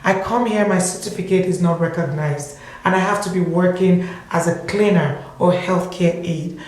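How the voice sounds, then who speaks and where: A woman's voice: on the low side, moderate pace, darkish tone. Woman host in a very echoey room. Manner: conversational, prompting questions. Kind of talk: casual discussion.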